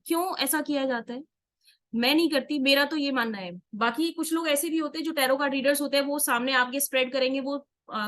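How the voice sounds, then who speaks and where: High-voiced Indian woman teaching tarot. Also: fairly bright tone. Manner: explains step by step, asks and answers her own questions; mixes Hindi with English words. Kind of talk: online workshop lesson.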